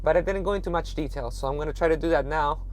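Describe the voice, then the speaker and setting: Hoarse, raspy man vlogging. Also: a little high, quick pace. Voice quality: raspy, strained from lost voice. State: hoarse, voice nearly gone. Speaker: trucker vlogger. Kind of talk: casual vlog talk to viewers. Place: truck stop rest area, then inside truck cab.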